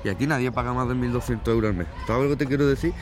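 A man's voice: mid-range voice, racing. Man explaining, asking "¿sabes?". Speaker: interviewee. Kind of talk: casual explanation.

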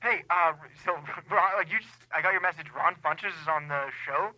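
A man leaving an excited, halting voicemail, played back over a landline phone. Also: on the high side, dry recording, highs cut off. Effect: voicemail message played back over a landline phone. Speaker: friend leaving a phone message. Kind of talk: casual phone message.

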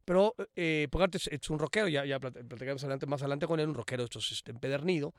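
A Mexican man in loose podcast banter, his speech quick and his voice a little high. He jumps in often and leans on crude jokes. The close mic picks up no room at all. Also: no echo. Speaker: podcast co-host. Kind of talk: casual banter.

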